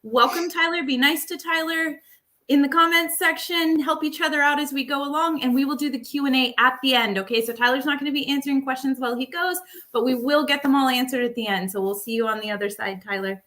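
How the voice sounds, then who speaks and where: Bright, chatty woman hosting a livestream. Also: sits high, steady tone, fast talker. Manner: chatty, upbeat, many fillers. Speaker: livestream host. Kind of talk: casual live webinar hosting. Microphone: makeshift microphone.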